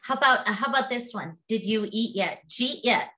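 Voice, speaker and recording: A woman's voice: a little high, animated, brisk, pushed and bright. A middle-aged woman from Pittsburgh with a Pittsburgh accent, chatting casually as a podcast co-host. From Pittsburgh, USA. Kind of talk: casual chat.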